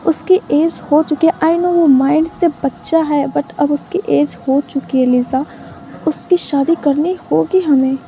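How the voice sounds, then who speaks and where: Woman reading a gentle reassuring father. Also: high voice, steady tone, a little slow, a little hiss or hum. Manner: gentle, soothing. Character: calm, reassuring husband and father. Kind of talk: storybook read-aloud.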